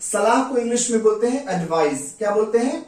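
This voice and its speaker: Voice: medium pitch, expressive, fairly quick, a little mellow. A teacher giving a spoken language lesson, who poses rhetorical questions, answers them, and spells words out letter by letter. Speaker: English teacher. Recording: very echoey room, voice far from the mic.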